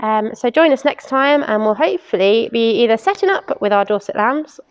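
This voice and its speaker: A young woman with a fairly high voice talks through livestock chores in a practical, unhurried way, dropping in frequent ums as she works with her hands. She is recorded by a camera a few metres off, outdoors in a paddock and inside a large open farm barn. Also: lively intonation, clean tone, no room sound, muffled recording. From England. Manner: practical, explains while working, frequent "um". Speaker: livestock keeper. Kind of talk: casual farm demonstration.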